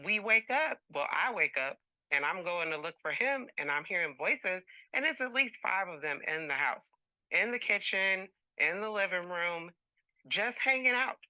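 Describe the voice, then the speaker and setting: A woman with a very bright, forceful voice, slightly low for a woman, makes her complaint as a TV court litigant. She sounds exasperated and aggrieved, hammering points by repeating them, with a close, dry sound. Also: expressive, normal speed, no room sound, rough recording.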